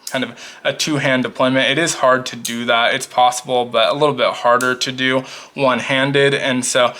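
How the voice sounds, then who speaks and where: A man's voice: medium pitch, level tone, moderate pace, sharp tone. A man chatting casually as he reviews his knife collection at a table, talkative and full of rambling asides. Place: at a table showing knives.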